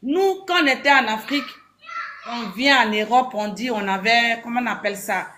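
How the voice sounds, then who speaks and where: A woman's voice: on the high side, normal speed, pushed and bright, a little hiss or hum. A woman from Ivory Coast giving a heated, insistent opinion on a talk show, repeating her phrases.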